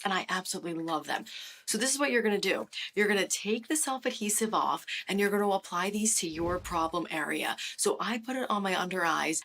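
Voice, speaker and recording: A woman's voice: fairly low pitch, fairly bright tone. A woman presenting a sponsored product segment, speaking straight to viewers in a gushing, salesy way. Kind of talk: enthusiastic sponsored product pitch.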